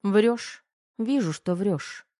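A woman's voice: mid-range voice, expressive, drawn-out words, warm tone, no room sound, studio quality, pitched above the performer's own voice. A woman voicing a spirited, playful young woman in an audiobook, lightly mocking and curious. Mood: challenging. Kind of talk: audiobook character reading.

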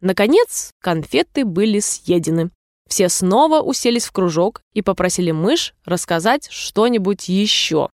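A woman reading a storybook aloud in a calm, even narration. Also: mid-range voice, moderate pace, dry recording, studio quality. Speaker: audiobook reader.

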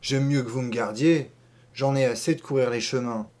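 A man's voice: medium pitch, normal speed, lightly acted. A man reading an audiobook, voicing a tired young carpenter on the road who answers curtly and resolutely. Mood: weary, resolute. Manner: flat, resolute, curt replies. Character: weary, defiant young carpenter tramp.

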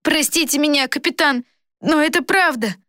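A woman's voice: high voice, moderate pace, bright, forceful tone, no echo, studio quality, voice pushed up. A woman voicing a frightened young boy who talks in a breathless, stammering rush. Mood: pleading.

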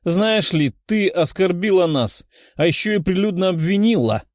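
A haughty young noblewoman, sly and quick to take offense, voiced by a man. Her voice sits high and swings widely. The sound is dry and close. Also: animated, a little mellow, dry recording. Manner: sly, indignant.

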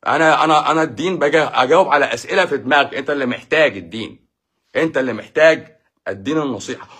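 Fast, husky Egyptian man preaching. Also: medium pitch, a bit bright. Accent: Egyptian Arabic. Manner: emphatic, preachy, full of rhetorical questions. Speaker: doctor giving a talk. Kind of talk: casual talk on faith and life.

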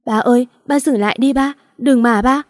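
A loving young daughter pleads tearfully with her father, voiced by a woman storyteller. Her voice is warm and soft, recorded dry and close. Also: fairly high pitch, moderate pace, dry recording, lightly acted. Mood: pleading, tearful.

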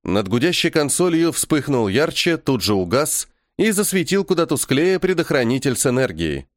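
A man narrating a first-person science fiction audiobook in an expressive storytelling manner. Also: a little high, moderate pace, no room sound, studio quality.

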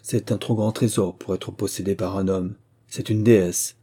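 A man as a smooth young squire in a storybook, courtly and flowery, all flattery. the voice sits low, dark and husky. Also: moderate pace. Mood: flattering. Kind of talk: audiobook reading.

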